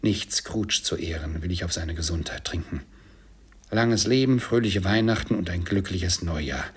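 A man voicing an indignant, sharp-tongued mother of a poor family, speaking with scorn and sarcasm. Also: deep voice, moderate pace, slightly rough. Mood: indignant, sarcastic.

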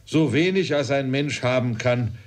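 A man reads a kindly retired officer from a storybook, gentle and generous. He speaks earnestly, at a plain middle pitch. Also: unhurried, lightly acted.

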